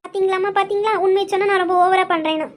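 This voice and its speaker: A woman's voice: very high voice, fairly even intonation, racing. A woman playing a cheeky, chatty teen sister. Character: playful teasing teenage sister.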